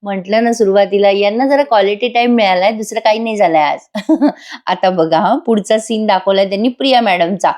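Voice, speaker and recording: A woman's voice: mid-range voice, fairly quick, a little mellow. A woman narrating a casual voice-over recap of a TV serial episode, chatting directly to viewers. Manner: chatty, addresses viewers, light laughs.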